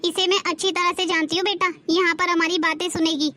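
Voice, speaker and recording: A woman's voice: extremely high pitch, level tone, brisk, bright, forceful tone. A young woman playing a bossy middle-aged mother-in-law who chides her daughter-in-law in a family drama skit. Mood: scolding. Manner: bossy, chiding.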